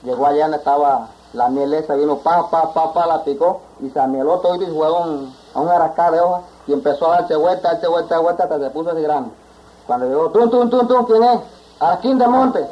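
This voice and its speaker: A man telling a folk tale in a lively, rambling way, on a dull lo-fi 1960s field tape. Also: on the high side, brisk. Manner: lively and rambling, acts out animals. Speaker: folk storyteller. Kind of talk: oral folk tale narration.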